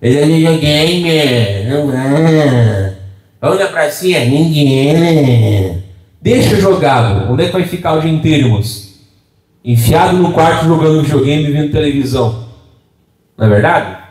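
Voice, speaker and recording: Preacher in an echoey hall, asking amém. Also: male voice, fairly high pitch, animated, unhurried, a little mellow. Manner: conversational preaching with frequent "amém?" and "né?" asides to the congregation. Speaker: pastor. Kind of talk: sermon. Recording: echoey room, voice from a distance.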